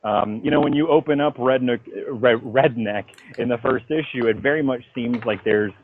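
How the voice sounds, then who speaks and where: Over a phone line with a little hiss or hum, a man with a medium-pitched voice talks at a normal pace. He's a comic book writer in a casual interview about his own work, telling animated, slangy stories loaded with swearing.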